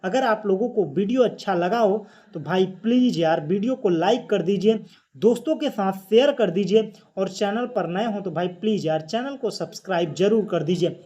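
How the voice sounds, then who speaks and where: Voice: medium pitch, animated, moderate pace, warm tone, highs cut off. Teacher quizzing and answering self. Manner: explains step by step, asking and answering its own questions; repeats key phrases for emphasis. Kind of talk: exam-prep lesson video.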